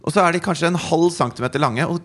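A man in his thirties telling a story in casual chat, animated and laughing, acting out quotes. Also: a little high.

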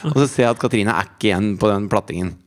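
A man in casual chat, telling a long travel story in an animated way and acting out the people in it. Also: on the low side. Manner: animated anecdote telling with laughs and profanity; acts out quoted voices. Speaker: storyteller guest.

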